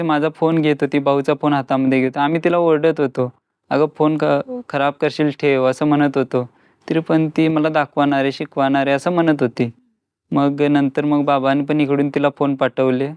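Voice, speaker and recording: A man's voice: on the high side, darkish tone, smooth, no echo. A young man recounting family memories in a plain, matter-of-fact way as an interviewee. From Khanapur, Belgaum, India.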